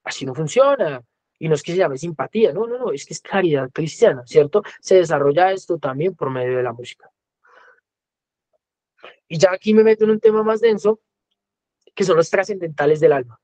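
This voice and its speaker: A man with a Colombian accent, a music teacher appearing as a guest speaker, lectures conversationally in an educational talk, often acting out the voices he quotes. He sounds expressive, on the high side and darkish in tone, speaking fairly quickly but pausing often. The recording is dry.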